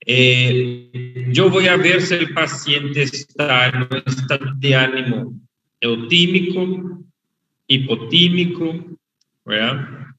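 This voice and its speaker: A man teaching an online medical class, his voice bright and a little strained, heard from a distance in a roomy space. He talks slowly and explains patiently, repeating each key term. The sound is muffled and lo-fi, with faint noise underneath. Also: mid-range voice, faint music behind. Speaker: lecturer. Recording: echoey, dull, far from the mic over an unstable online connection.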